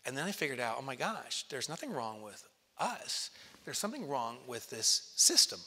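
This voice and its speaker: A man in his forties gives a stage keynote, swinging his pitch widely as he tells stories and acts out what people said. His tone is bright and forceful, a little on the high side. A headset mic picks him up in a large hall with a long reverb. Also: normal speed, slightly rough. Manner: lively storyteller, acts out quotes and jumps to excited highs. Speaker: keynote speaker. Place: large conference hall, on stage in front of an audience.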